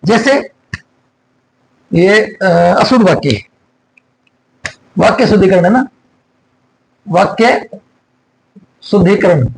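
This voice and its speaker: A man teaching an exam-prep grammar lesson, slowly repeating and dictating words for students to write. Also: sits high, lively intonation, vocal fry, rough recording.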